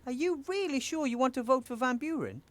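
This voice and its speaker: A woman's voice: high-pitched, lively intonation, brisk, dry recording. An actress playing a cheerful, curious young woman mage who asks questions in a friendly way. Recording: game audio with faint music.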